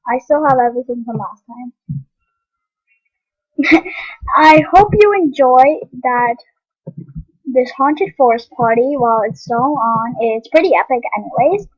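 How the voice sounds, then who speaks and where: A woman's voice: sits high, unhurried, pauses often, breathy edge, dry recording, lo-fi sound. A young woman giving rambling, casual commentary on an online game, full of ums and restarts. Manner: eating while talking. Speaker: game vlogger.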